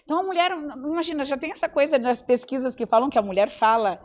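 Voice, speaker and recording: Animated woman telling stories on a podcast. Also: high-pitched, fast. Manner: animated storytelling, acts out quoted voices. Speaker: psychologist and communication mentor. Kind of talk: podcast conversation.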